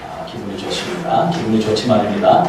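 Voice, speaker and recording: An older male counseling professor gives a casual, joking guest lecture in a large auditorium, speaking at a medium pitch. He is chatty and self-deprecating, quoting other people in playful voices. The recording is echoey and his voice sounds far off.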